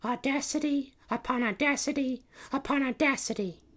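A young cat princess from a storybook adventure. The voice sits extremely high and bright, with theatrical, declaiming delivery. She is proud and defiant. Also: moderate pace. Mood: menacing.

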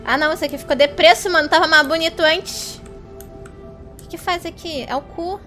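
Very high-pitched cute Brazilian anime streamer woman. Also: a little fast. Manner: cute anime-streamer squealing, excitable, gushing. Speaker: VTuber streamer. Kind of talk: casual live game-stream commentary to chat. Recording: game music behind. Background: video game music.

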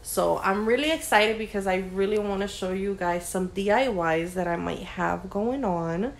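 A woman's voice: mid-range voice, normal speed, gravelly, a little hiss or hum. A young woman chatting casually to her phone camera at home, rambling with plenty of fillers as she vlogs. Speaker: lifestyle vlogger. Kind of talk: casual vlog chat. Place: living room, indoors. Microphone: phone camera held at arm's length.

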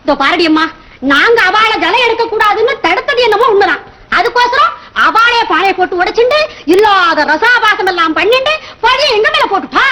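An actress playing a quarrelsome, theatrical village woman with a Tamil Brahmin accent, complaining loudly. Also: extremely high pitch, lively intonation, brisk, slight background noise, heavily acted. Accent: Tamil Brahmin dialect.

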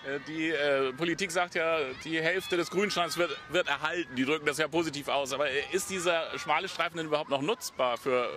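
A man's voice: a little high, a little fast, hardly any pauses, noisy background. A male reporter asking short questions outdoors in a street interview. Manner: short prompts and backchannels.

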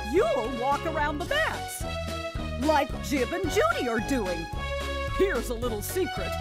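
A woman's voice: extremely high pitch, heavily acted. A woman voicing a jolly, doting, slightly nutty grandmother who hosts a children's game in a folksy, gleeful, exclamatory way. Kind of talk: animated children's game narration.

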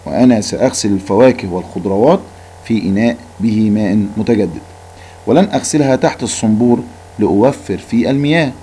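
A male teacher reading a mother's lines slowly and clearly in a school lesson. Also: on the low side, mellow, a little hiss or hum, natural voice. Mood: calm. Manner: slow, clear reading-aloud delivery. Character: mother in a school reading, calm adult woman.

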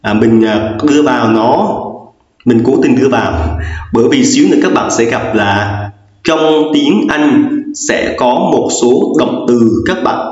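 A man's voice: mid-range voice, a little mellow, lo-fi sound. Man teaching in an echoey room. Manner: patient, repetitive explaining with many fillers. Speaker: English teacher. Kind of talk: recorded grammar lesson.

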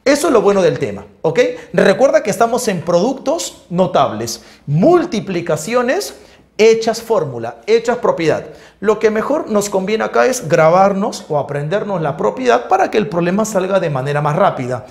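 A man teaching math in a lively, joking, coaxing way. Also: high voice, moderate pace, gravelly. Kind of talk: animated math lesson.

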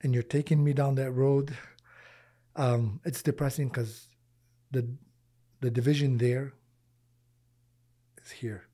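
In his 40s, this podcast guest and charity founder has a mellow, slightly husky mid-range voice, talking slowly with frequent pauses and fairly even intonation. He's Lebanese-born, Michigan-raised, and earnest, restarting phrases, repeating words while he thinks, and using Arabic religious expressions. The casual interview takes place in a small indoor studio, with a boom-arm mic set close.

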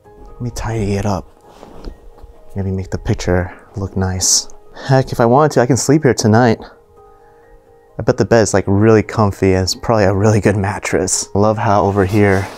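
A lowish, somewhat dark-toned male voice belongs to an urban explorer vlogger touring an abandoned mansion. He narrates casually, impressed by little and full of fillers, recorded indoors on his camera's mic.

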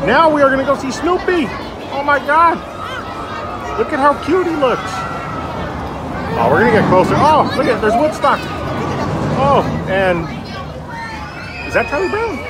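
A man with a high-sitting voice casually narrates his walk through an outdoor theme park, upbeat and pointing things out. Heavy background noise from loud crowds and park music runs through the recording.

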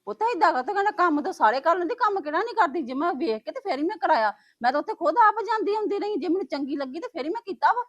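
A woman's voice: very high-pitched, lively intonation, rapid-fire, hardly any pauses, a bit bright, dull audio. A woman playing a married daughter, talking in a pleading and reproachful way in a family web drama. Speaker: married daughter visiting her mother.

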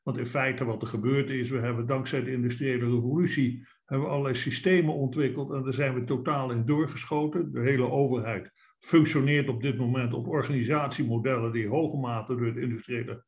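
A man's voice: medium pitch, steady tone, a little fast, darkish tone. An older man giving a formal, articulate closing speech on a video call from a study lined with bookshelves. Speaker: initiator. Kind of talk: concluding speech in an online meeting.

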